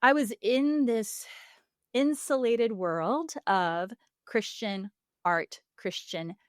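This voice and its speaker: In a studio-quality podcast interview with no echo, a woman speaks slowly in a fairly high pitch. She's a singer and voice coach from Puerto Rico in her forties, earnest and reflective, with frequent laughter and many filler words.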